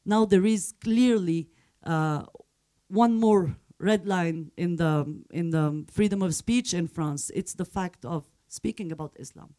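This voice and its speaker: A man's voice: high voice, takes it slowly, dark tone. A man speaking as a journalist on a discussion panel, hesitant with frequent fillers and restarts. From Morocco.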